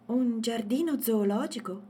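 Wide-eyed little girl full of questions, a woman reading her, high and bouncy. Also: big pitch swings, normal speed, dark tone, a little hiss or hum. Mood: curious. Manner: curious, amazed.

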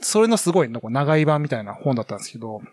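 A man's voice: medium pitch, very animated, racing, a little mellow, dry recording. A man co-hosting a casual podcast chat, rambling on with many fillers and restarts. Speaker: podcast co-host.

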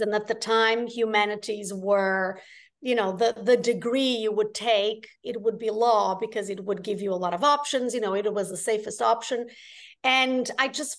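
A woman from Portugal, a guest telling her story earnestly and with many restarts. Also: fairly high pitch. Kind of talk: casual interview chat.

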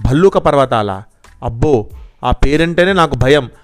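A man voicing a bold, money-minded young fisherman in a children's storybook tale, in a smooth, clear voice. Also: mid-range voice, animated, measured pace, soft background music, lightly acted.

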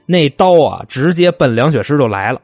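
A man's voice: on the high side, animated, moderate pace, darkish tone, no room sound, faint music behind. A man telling a true crime story in a chatty, folksy way, with asides to the listener. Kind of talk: colloquial spoken crime storytelling.

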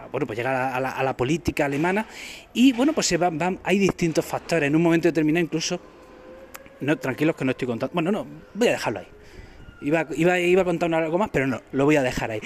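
Guy rambling about a book at home, loads of restarts and "no?", faint room noise behind. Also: mid-range voice. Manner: rambling, many restarts and fillers, rhetorical questions. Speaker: podcast host reviewing a novel. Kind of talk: unscripted casual book talk. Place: home during lockdown.

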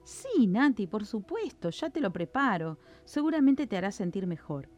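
A woman voicing a doting middle-aged mother who fusses in a high, anxious voice, with faint music behind. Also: big pitch swings, moderate pace, darkish tone, natural voice. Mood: tender.

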